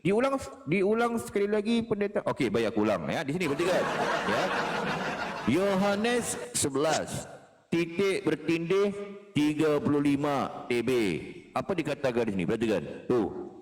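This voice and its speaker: A man plays a self-styled pastor and taunts his opponents, laughing as he goes. His fairly high voice swings widely in pitch. A long hall-like reverb hangs on every word. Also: big pitch swings, normal speed. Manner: taunting, laughing, mock-preachy. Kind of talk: mocking debate talk.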